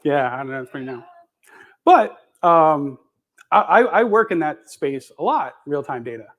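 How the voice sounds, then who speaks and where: A man with a rather high voice and big pitch swings presents a live tech demo at a conference, speaking at a moderate pace while chewing gum. He's loose and profane, stumbling through fillers and restarts in front of the audience, and the recording sounds muffled.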